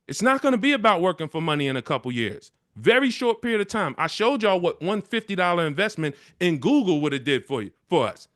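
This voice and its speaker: A man with a notably high-pitched voice delivers a motivational speech to an assembly. He drives his points home with emphatic, repetitive rallying lines, taking questions as the session's leader. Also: sing-song, quick pace, hardly any pauses, fairly bright tone. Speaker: community leader addressing an assembly.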